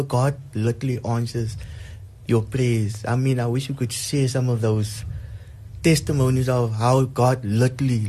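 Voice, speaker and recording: A man's voice: mid-range voice, dark tone, slightly rough. A man with a South African accent giving casual devotional talk, earnest and emphatic, repeating words to drive his point home.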